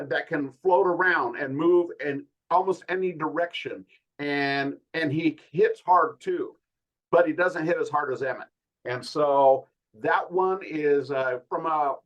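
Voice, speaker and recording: A man hosting a casual fight podcast, talking through the matchup in a measured, laid-back way with many pauses. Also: a little high, fairly bright tone, muffled recording. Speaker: podcast host. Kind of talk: casual MMA podcast analysis.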